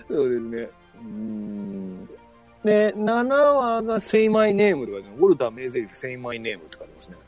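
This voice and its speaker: A man's voice: medium pitch, wildly swooping pitch, a little slow, soft background music. A man with a Kansai accent hosting a casual podcast chat, teasing and laughing often. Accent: Kansai Japanese. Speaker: podcast host.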